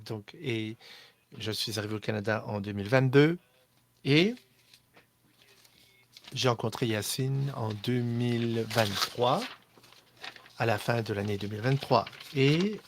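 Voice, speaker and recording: A man's voice: mid-range voice, measured pace, long pauses, noisy background. A man from Morocco, a chocolatier guest, introducing himself in a chatty way with many restarts. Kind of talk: casual self-introduction.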